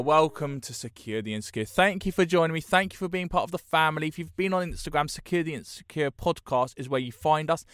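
A man's voice: a little high, clean tone, no echo, clean studio sound. A British man hosting a podcast, speaking in an earnest, encouraging self-help manner. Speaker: podcast host. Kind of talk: podcast monologue introduction.

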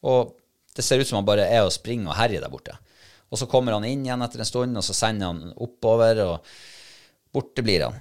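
Man with a low voice, chatty animated storyteller in a conversation. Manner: lively, animated retelling, quoting others. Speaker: dog handler telling a story. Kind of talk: casual storytelling in a podcast chat.

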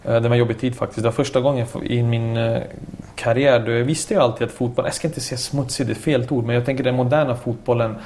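Talkative former footballer, lively storyteller. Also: male voice, mid-range voice, hardly any pauses, slight background noise. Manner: talkative, animated storytelling with frequent restarts. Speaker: former professional footballer, youth coach. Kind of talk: casual interview conversation.

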